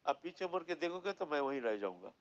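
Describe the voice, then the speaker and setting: A man voicing a calm, teasing deity. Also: on the high side, fast, muffled recording. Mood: gentle. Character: calm male deity statue, teasing and gentle.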